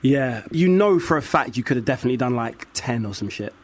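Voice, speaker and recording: A British man with a medium-pitched voice interviews someone casually. He is blokey and joking, and swears freely. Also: animated, fast talker. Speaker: radio interviewer.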